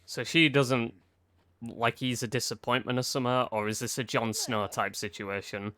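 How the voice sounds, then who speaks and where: A man's voice: mid-range voice, fairly even intonation, normal speed, pushed and bright. A man giving casual commentary while playing through a video game.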